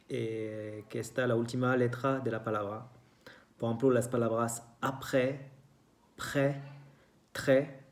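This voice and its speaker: Slow, careful teacher. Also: medium pitch, darkish tone. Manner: slow and careful, repeats each example word. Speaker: French teacher. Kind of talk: beginner language lesson.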